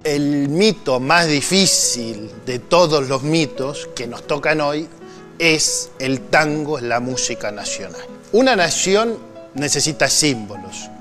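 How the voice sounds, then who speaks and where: A man's voice: mid-range voice, bright, forceful tone. A man making an emphatic, argumentative explanation to an audience. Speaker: commentator. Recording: faint music underneath.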